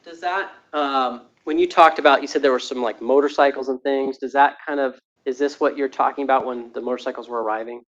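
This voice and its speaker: A man working as an attorney, questioning a witness in court with halting, rephrased questions. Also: mid-range voice, fairly even intonation, a bit bright. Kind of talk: courtroom examination. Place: indoor courtroom. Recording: echoey, muffled courtroom audio.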